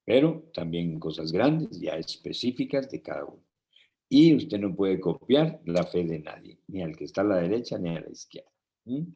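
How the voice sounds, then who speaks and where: A man's voice: sits low, big pitch swings, normal speed, gravelly, warm tone. A man preaching a conversational sermon, telling personal stories and checking in with listeners through frequent tag questions. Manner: tells personal anecdotes with light laughter.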